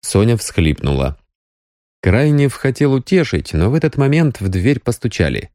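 A man narrating an audiobook with expressive storytelling. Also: mid-range voice, normal speed, no echo, clean studio sound.

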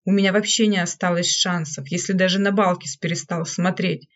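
A woman's voice: fairly low pitch, steady tone, fairly quick, lightly acted. A woman reading an audiobook, voicing a hysterical, jealous woman servant who speaks in a bitter, accusing way. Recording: dull lo-fi recording.

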